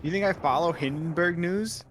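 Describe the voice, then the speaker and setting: A man's voice: on the high side, moderate pace, faint music behind. A man chatting on a game stream, joking with mock-dramatic asides. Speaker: stream co-host. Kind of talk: casual gameplay chat.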